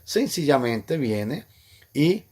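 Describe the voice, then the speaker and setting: A male preacher delivering a Bible teaching sermon in an emphatic, insistent way. His voice is husky and swings widely in pitch, climbing high on quoted verses. He keeps returning to the same point. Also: big pitch swings, extremely slow, dark tone. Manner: emphatic, repeats points, rises sharply on quoted lines.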